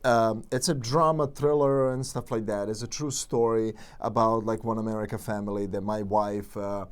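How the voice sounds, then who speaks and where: In a casual interview, a Serbian-accented actor appearing as a guest spins lively stories, restarting often and leaning on fillers. He speaks at normal speed in a lowish voice with a clean tone.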